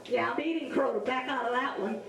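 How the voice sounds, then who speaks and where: A woman with a Cajun accent telling a story to children in a playful, animated way, acting out the dialogue. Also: high-pitched, brisk, vocal fry, crowd noise. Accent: Cajun Louisiana. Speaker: storyteller and face painter. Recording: echoey large room, distant mic.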